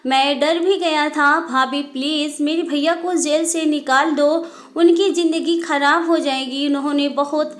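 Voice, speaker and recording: A woman's voice: high-pitched, steady tone, a little slow. A woman voicing a guilty, distressed teenage schoolboy who pleads tearfully in a storybook tale. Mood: pleading.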